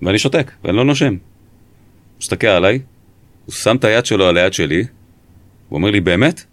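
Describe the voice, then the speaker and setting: A man, a former police interrogator, recounting in an interview how he questioned a suspect, speaking in a measured, emphatic way. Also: lowish voice, expressive, no room sound.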